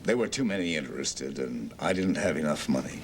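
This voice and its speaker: A man's voice: rumbling low, animated, noisy background. A man playing a client who lost his family land, answering questions in short, solemn statements. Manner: terse, solemn, measured answers. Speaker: client whose family land was taken.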